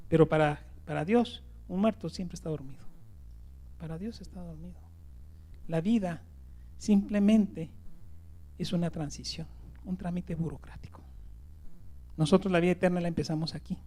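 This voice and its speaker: A man preaching a sermon as pastor. He jumps from loud emphasis to hushed whispers, repeats words and keeps asking "¿verdad?". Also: sits high.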